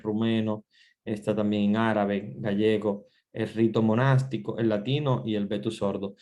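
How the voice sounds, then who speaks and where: A middle-aged man, a priest, giving an online Bible class in a relaxed, conversational way, with many fillers and restarts. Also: mid-range voice. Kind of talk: online class lecture with screen sharing.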